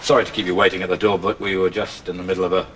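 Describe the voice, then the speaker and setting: A man's voice: low-pitched, flat delivery, very fast, close to an everyday voice. A middle-aged actor playing a wry, sardonic single father. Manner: dry, sardonic. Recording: hissy broadcast recording.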